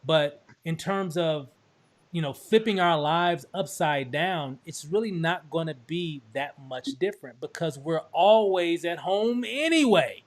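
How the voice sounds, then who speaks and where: A man's voice: a little high, lively intonation, unhurried. A man from Texas hosting a casual promotional chat over a video call, upbeat and full of restarts and fillers. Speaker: host.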